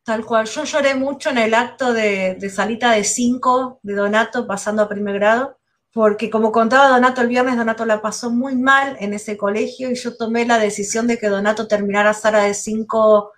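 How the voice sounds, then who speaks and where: Woman, middle-aged, Rioplatense accent, higher voice, candid, halting, video call. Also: fairly even intonation. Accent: Rioplatense Spanish. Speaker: guest, mother. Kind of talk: casual interview chat.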